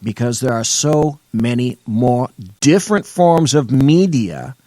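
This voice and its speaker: A man's voice: medium pitch, animated, measured pace, dark tone, dry recording. A man hosting political talk radio with a sarcastic, theatrical delivery. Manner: sarcastic, theatrical, mock-shocked. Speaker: radio show host.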